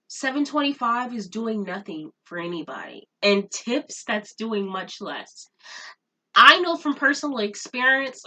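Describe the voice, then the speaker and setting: A young woman vents in a casual vlog, her fairly high voice bright and sharp. She sounds exasperated and circles back to repeat her points. She sits a little back from the camera mic, so the sound is slightly distant. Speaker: vlogger. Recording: voice a bit off-mic.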